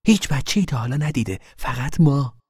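A man's voice: mid-range voice, slightly rough, no room sound, studio quality, pitched above the performer's own voice, close to an everyday voice. A man voicing a nosy, boastful young girl who talks eagerly and bosses her little brother around.

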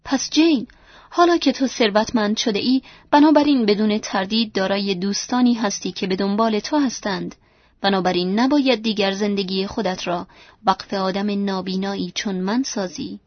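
A woman voicing a brooding, yearning blind middle-aged gentleman, earnest and pleading, in a dry, dull lo-fi recording. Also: medium pitch, dry recording, natural voice. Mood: somber.

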